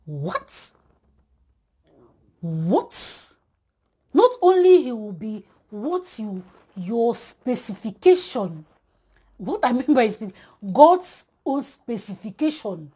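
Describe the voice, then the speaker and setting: Mellow husky-voiced woman preaching. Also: on the high side, big pitch swings, slow, pauses often. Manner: emphatic, repetitive, speaks straight to listeners. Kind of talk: exhortation.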